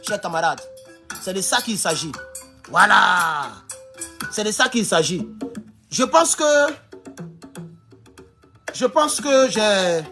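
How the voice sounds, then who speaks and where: With a very high, bright voice and a forceful edge, this livestream host speaks passionately to his audience. He keeps circling back to the same rallying cries in a fiery, repetitive way.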